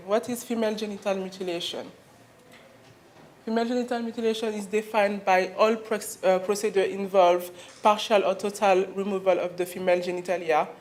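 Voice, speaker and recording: A woman from Mali with a French accent gives an earnest conference presentation, pausing often as she searches for her words. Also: medium pitch, darkish tone. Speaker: conference speaker. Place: university conference room.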